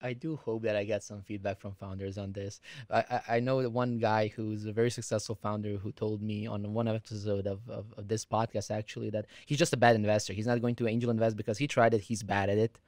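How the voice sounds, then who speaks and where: A man's voice: on the low side, little pitch movement, fast talker, a little mellow, no room sound, studio quality. A man hosting a podcast interview, asking long conversational questions. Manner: conversational, rambling questions with restarts. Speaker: podcast host.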